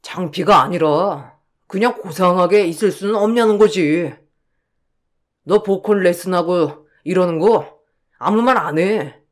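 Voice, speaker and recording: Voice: medium pitch, measured pace, lightly acted. A voice actor playing a young husband who grumbles defensively and sounds worn out, in a radio drama. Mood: irritated. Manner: complaining, defensive. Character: irritable young husband, torn and tired.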